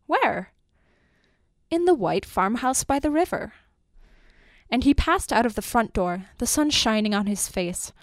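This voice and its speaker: A woman narrating a story aloud in a measured, expressive way, lingering over long lists. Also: on the high side, no echo, studio quality. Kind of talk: storybook reading.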